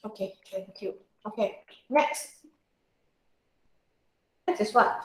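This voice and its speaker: A woman's voice: medium pitch, slow. A woman with a Singaporean or Malaysian English accent teaching an informal tutorial, often checking with questions and using colloquial particles. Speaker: accounting tutor. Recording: roomy, echoey sound.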